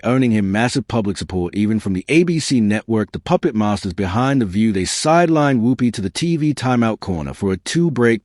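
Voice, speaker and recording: A man's voice: on the low side, dry recording, studio quality. A man narrating scripted commentary in a sardonic, mocking manner.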